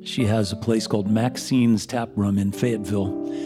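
A man hosting a live show, speaking from the stage in a conversational podium speech to introduce a guest, phrasing things haltingly. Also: lowish voice, steady tone, music in the background. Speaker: host of a live music and community radio show.

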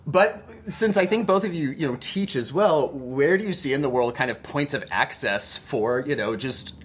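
A man's voice: medium pitch, expressive, normal speed, slightly rough. A man hosting a casual conversation, asking thoughtful, rambling questions as he searches for the words. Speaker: podcast host.

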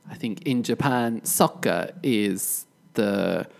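A British man hosting a podcast English lesson, explaining word pairs slowly and modelling contrasting pronunciations. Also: fairly low pitch, creaky. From Britain. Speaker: podcast host and English teacher.

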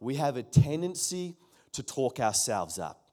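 A man's voice: medium pitch, big pitch swings, a little slow, dark tone. A middle-aged man preaching a sermon in an emphatic way, repeating his key phrases and calling on the congregation to answer. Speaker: pastor.

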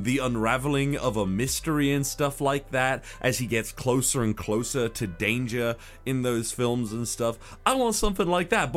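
Animated swearing man on a podcast. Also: medium pitch. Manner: animated, swears often, laughs. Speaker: podcast co-host. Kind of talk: casual podcast chat.

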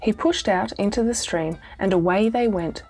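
A woman with an Australian accent reading a children's storybook aloud, giving the characters' lines gently. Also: medium pitch, moderate pace, slightly rough. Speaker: audiobook reader. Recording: soft music bed behind voice.

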